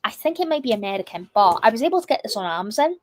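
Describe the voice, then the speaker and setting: A young woman hosting a casual livestream, chatty and full of fillers, her voice still a little croaky from a cough. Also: on the high side, sing-song, very fast, slight background noise. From United Kingdom. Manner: chatty, reads chat comments aloud, many fillers. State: slightly croaky from a lingering cough. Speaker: livestream host.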